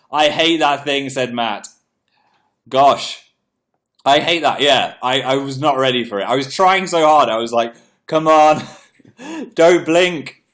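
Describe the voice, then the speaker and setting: Reading viewer comments aloud on his livestream, a congested young man clears his throat as he chats casually. He is talkative and self-deprecating, with a mid-range voice and a fairly bright tone.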